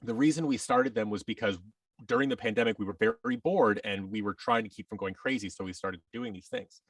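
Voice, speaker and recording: Speaking a little fast in a lowish voice, an audio drama producer guests on a podcast, giving rambling, enthusiastic explanations in a conversational interview and acting out quotes he imagines. The recording has no room sound and was captured from a distance.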